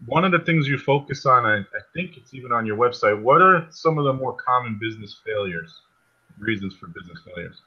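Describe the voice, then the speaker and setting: A man hosting a podcast interview, chatting in a relaxed, conversational way. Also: mid-range voice, brisk, breathy edge. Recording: dull lo-fi audio.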